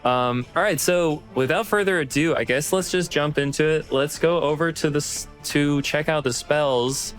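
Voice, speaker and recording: A man hosting a casual live stream, upbeat and shouting out viewers in chat as he talks. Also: on the high side, moderate pace, hardly any pauses, music in the background. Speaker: streamer hosting a tier list.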